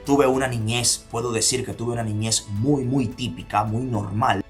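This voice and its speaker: A man's voice: mid-range voice, fairly even intonation, moderate pace, soft background music. Emphatic Dominican man asking questions. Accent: Dominican Spanish. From Dominican Republic. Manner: emphatic, fires repeated rhetorical questions, drops to near-whispers for stress. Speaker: motivational speaker. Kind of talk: motivational talk.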